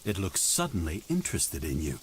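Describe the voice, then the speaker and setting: Guy reading game story out loud, lowish voice, really swingy delivery, bit of background hiss. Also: wildly swooping pitch, fairly quick. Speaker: game narrator. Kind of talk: reading story text aloud.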